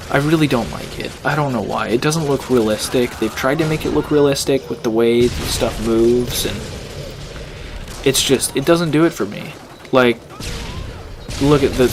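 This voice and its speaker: A teenage boy from California rambling casually while commentating his own gameplay. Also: mid-range voice. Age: teens. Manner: rambling, chatty, self-deprecating. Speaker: gaming channel host. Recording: game noise behind voice.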